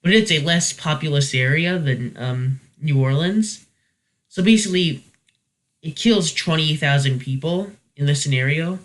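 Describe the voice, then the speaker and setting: Speaking at a measured pace in a fairly high-pitched voice, a male reviewer runs his weekly video series off the cuff. He's hesitant and rambling, frequently stopping to correct himself.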